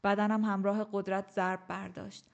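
Woman audiobook narrator, medium pitch, steady first-person telling. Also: gravelly, lo-fi sound.

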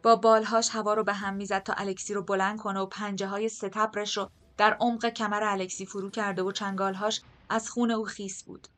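A woman reading a first-person audiobook in a measured, steady, softly dramatic way. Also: mid-range voice. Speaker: audiobook narrator.

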